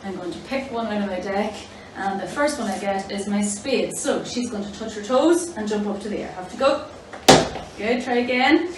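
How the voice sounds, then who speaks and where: A woman's voice: medium pitch, a little fast, hardly any pauses. A woman demonstrating an exercise game for children, giving simple, encouraging instructions. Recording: roomy, distant mic with clear background noise.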